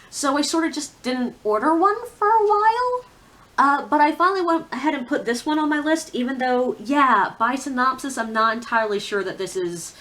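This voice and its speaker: A woman who reviews books on a video channel chats casually and candidly with her viewers, tossing in opinionated, informal asides. Her voice is on the high side with a fairly bright tone.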